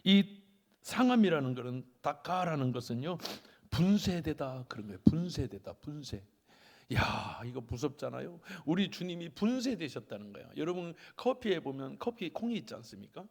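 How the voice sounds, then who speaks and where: A male pastor preaches in a church sanctuary, his slightly high, gravelly voice rising and falling all through the sermon. The hall's long reverb trails behind each phrase. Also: normal speed. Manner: animated, acts out family members in quoted voices.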